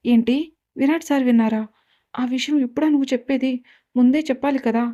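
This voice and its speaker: Woman doing a loud nonstop-chatter college girl in a storybook, a bit high voiced but mellow, talks without stopping and teases, fairly flat tune. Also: a little fast, close to an everyday voice. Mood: alarmed. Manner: rattles on nonstop, teasing.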